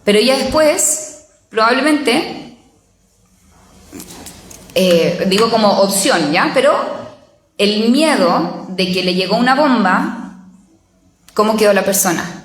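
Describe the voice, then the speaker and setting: A woman's voice: mid-range voice, lively intonation, slow pace, long pauses. A woman theologian gives a conversational talk in a parish, often checking in with her listeners and acting out inner voices. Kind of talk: spoken lecture to a parish group. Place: parish hall. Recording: echoey parish hall.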